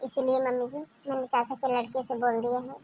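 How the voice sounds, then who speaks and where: A patient young daughter-in-law from a cartoon, voiced by a woman. She speaks softly and humbly in a high voice. Her tone stays pleading and subdued. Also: flat delivery, a little fast, slight background noise, lightly acted, poor audio. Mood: calm. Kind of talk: Hindi cartoon voice acting.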